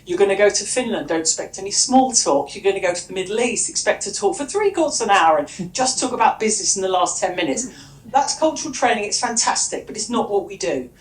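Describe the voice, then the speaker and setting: A woman's voice: medium pitch, sing-song, quick pace. A woman speaking at a conference as a workshop trainer, chatty, with frequent restarts and asides. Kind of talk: lively conference presentation. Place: conference room. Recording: echoey room.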